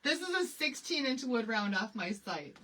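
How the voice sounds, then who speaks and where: A Michigan woman hosting a live craft tutorial speaks at a moderate pace in a slightly high, sharp voice with big swings in pitch. Chatty and quick to laugh, she answers the chat while working, and the rough recording has slight background noise.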